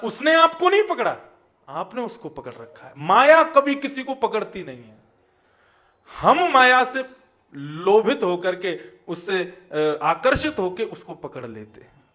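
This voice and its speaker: Young male preacher, high voice, emphatic sermon delivery that falls soft at line ends. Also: sing-song. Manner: sermon delivery with rising emphatic lines and soft dropped endings; chants verses slowly in song.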